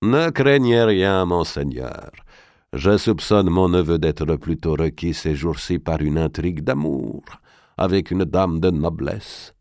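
A man doing a sly, calm old banker. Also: low-pitched, slow, dry recording, studio quality. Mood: reassuring.

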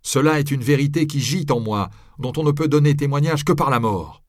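A man's voice: a little high, brisk, dry recording, clean studio sound, pitched above the performer's own voice, close to an everyday voice. Audiobook: male reader doing a fervent, defiant friar facing execution, raised and firm.

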